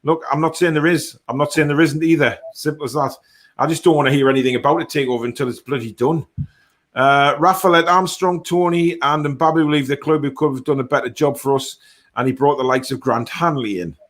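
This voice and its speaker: Hosting a football fan live stream, a man reads out viewer comments and answers them bluntly and matter-of-factly in a casual chat. His fairly bright voice sits on the high side, brisk and fairly even in intonation.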